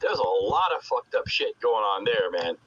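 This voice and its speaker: A man's voice: lowish voice, big pitch swings, moderate pace, a bit bright. A man chatting casually over CB radio, opinionated and emphatic, rambling along with coarse swearing. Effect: CB radio transmission. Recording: muffled noisy CB radio transmission.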